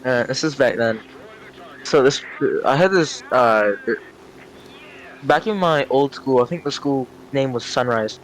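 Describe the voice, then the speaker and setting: A young man with a medium-pitched voice tells stories at a measured pace for a gaming channel, rambling, hunting for words, and swearing freely in casual chat. The audio is poor, with clear vehicle-like noise in the background.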